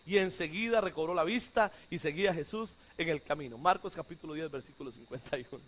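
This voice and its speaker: A male pastor preaching a sermon, who swings from shouts to hushed quotes and has the congregation repeat his words. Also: fairly high pitch, fast talker.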